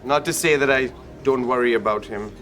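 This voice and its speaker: A man's voice: mid-range voice, brisk, fairly bright tone, close to an everyday voice. An actor playing a fond but worried, gossipy man in a sitcom. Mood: fond, confiding. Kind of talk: sitcom acting before a live audience.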